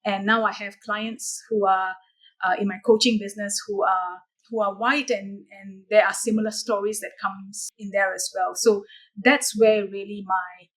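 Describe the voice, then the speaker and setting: A woman's voice: medium pitch, level tone, low-quality recording. A woman from Malaysia, a coach answering interview questions in an earnest, reflective way. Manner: earnest, measured storytelling with some restarts. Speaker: guest, coach.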